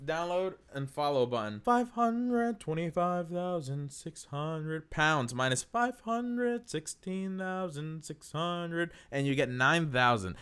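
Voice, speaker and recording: A man's voice: a little high, a bit bright, smooth. A young man from North Carolina hosting a podcast, delivering an upbeat scripted monologue in an earnest, encouraging way. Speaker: podcast host.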